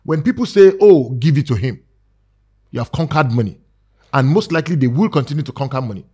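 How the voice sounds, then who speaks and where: Husky Nigerian man making his case. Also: medium pitch, expressive, fairly quick, mellow. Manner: earnest and persuasive, with many fillers and restarts. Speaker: guest advocating for skit makers. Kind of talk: casual talk-show discussion.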